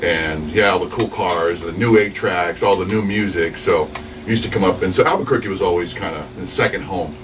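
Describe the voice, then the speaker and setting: A man's voice: low voice, fairly quick. A man in his forties, a radio DJ from New Mexico, chatting casually in an interview with lots of fillers and restarts. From New Mexico, USA. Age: 40s. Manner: rambling, upbeat, chatty with many fillers. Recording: distant mic with noisy background.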